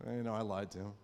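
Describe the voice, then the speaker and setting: A man's voice: lowish voice, a little mellow, big-room sound, slight background noise. A man preaching a sermon, telling a personal story in a folksy way with frequent "right?" asides. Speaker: pastor.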